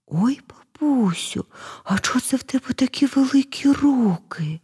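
A woman's voice: on the low side, a little slow, vocal fry, a little mellow, breathy edge, exaggerated voice. Woman doing a timid little girl.

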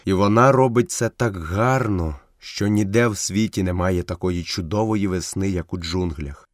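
Calm man reading a story. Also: sits low, no echo, studio quality. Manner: calm, measured, even storytelling. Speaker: audiobook reader. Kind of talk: scripted narration.

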